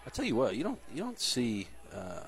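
A man's voice: mid-range voice, wildly swooping pitch, fairly quick. A man giving conversational color analysis during a live basketball broadcast. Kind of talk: conversational sports commentary. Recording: live gym broadcast with crowd noise. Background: crowd and bouncing basketball.

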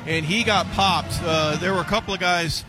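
High-pitched male football color commentator. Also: normal speed, music in the background, rough recording. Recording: stadium noise behind the voice.

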